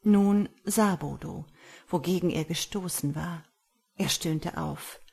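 Woman storyteller, low husky voice, measured dramatic reading. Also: a little mellow. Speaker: narrator. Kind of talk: storytelling audiobook narration.

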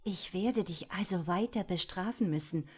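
A woman voicing a domineering, scornful female boss who scolds sharply and loudly. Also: fairly low pitch, normal speed, slightly rough. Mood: scolding. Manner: sharp scolding, loud commanding.

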